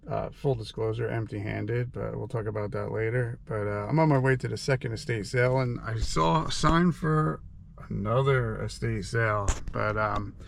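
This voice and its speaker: A man's voice: lowish voice, normal speed, creaky, slight background noise. A man giving casual, wry vlog commentary in an informal, chatty way as he browses. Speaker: vlogger at estate sales. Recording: loud crowd chatter behind.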